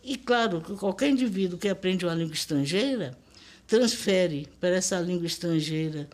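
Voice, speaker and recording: A woman's voice: fairly low pitch, lively intonation, normal speed. Older Brazilian woman, emphatic and didactic. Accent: Brazilian Portuguese. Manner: emphatic, didactic, spells out pronunciations. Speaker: linguist. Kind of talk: documentary interview.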